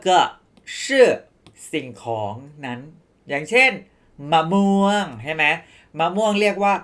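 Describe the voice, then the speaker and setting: A woman teaching a Chinese language lesson, saying phrases slowly and then fast, and pitching her voice up to model questions. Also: animated, fairly bright tone.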